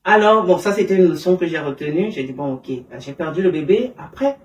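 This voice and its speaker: A woman's voice: fairly low pitch, animated. Woman telling a personal story, roomy distant sound. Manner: emotional, halting storytelling with many fillers and restarts. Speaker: interview guest. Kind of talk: personal testimony in conversation.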